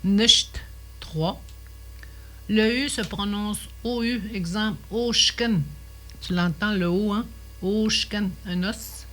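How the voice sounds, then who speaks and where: An older woman, teaching a radio language lesson, slow and patient, repeating each word carefully. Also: mid-range voice, fairly bright tone.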